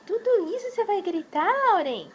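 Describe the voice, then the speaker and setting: A woman's voice: very high-pitched, big pitch swings, moderate pace, faint music behind. A woman with a Brazilian Portuguese accent, coaxing a baby and a dog at home in playful sing-song baby talk on a home video. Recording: dull lo-fi home video recording.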